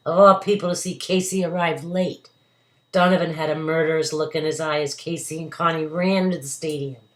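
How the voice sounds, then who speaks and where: A woman's voice: sits low, steady tone, brisk. A woman reading a verse story aloud to children with dramatic, emphatic delivery, recorded indoors at home. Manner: dramatic, emphatic delivery with acted character voices. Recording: roomy, echoey home recording.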